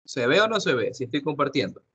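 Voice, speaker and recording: Bright-voiced male teacher explaining patiently. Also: medium pitch, very animated, fast talker, husky, muffled recording. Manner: patient, repeats and asks the class questions. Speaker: English teacher. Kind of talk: online class lesson.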